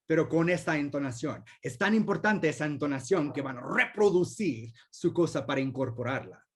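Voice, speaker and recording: Over a video call, a male guest speaker with a slightly high voice answers audience questions in an academic discussion. He explains things thoughtfully, using many examples.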